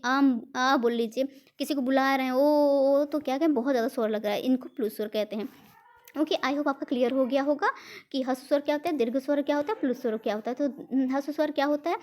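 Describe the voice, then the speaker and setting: A woman's voice: high-pitched, darkish tone. A woman with an Indian accent teaching an exam-prep grammar lesson. She explains step by step, asks questions and answers them herself, and mixes English words into her teaching.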